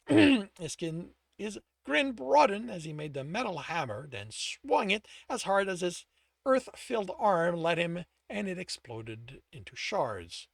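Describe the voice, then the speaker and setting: A man narrating his own fantasy novel, with a lively, expressive delivery that rises and falls. He stops now and then to correct himself, and the sound is dry and close to the mic. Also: high-pitched, takes it slowly, creaky, no room sound. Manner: self-correcting as he reads. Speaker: author reading own story. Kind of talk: audiobook narration.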